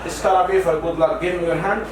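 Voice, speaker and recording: A man's voice: a little high, fairly even intonation, racing. Male workshop salesman, showman, far off, very echoey and noisy. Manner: showman, broken English. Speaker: factory salesman. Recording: very echoey, off-mic, loud noise.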